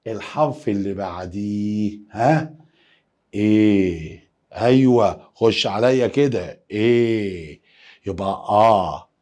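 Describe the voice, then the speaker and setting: Animated Egyptian man teaching letters. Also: lowish voice. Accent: Egyptian Arabic. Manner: playful, coaxing, calls out letters for students to repeat. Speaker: German teacher. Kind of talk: lively classroom lesson.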